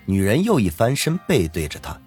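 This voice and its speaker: A male narrator reads a serialized web novel with dramatic flair. His pitch leaps up and down constantly and his voice is husky. Soft music runs beneath him. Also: huge pitch swings, fairly quick. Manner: dramatic storyteller. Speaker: audiobook narrator.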